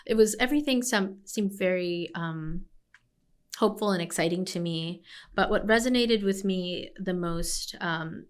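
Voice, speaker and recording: A woman from Hawaii, an oncologist, telling her story in a reflective, measured way during an interview. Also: fairly low pitch, smooth. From Hawaii, United States. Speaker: oncologist guest. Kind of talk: conversational interview.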